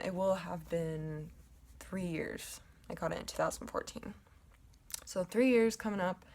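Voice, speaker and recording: Young woman rambling to her camera at home, low-ish voice, lots of ums. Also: vocal fry. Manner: chatty, rambling with many ums and restarts. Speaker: vlogger. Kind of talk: casual chat to camera. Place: at home, indoors in her apartment. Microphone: camera in front of her.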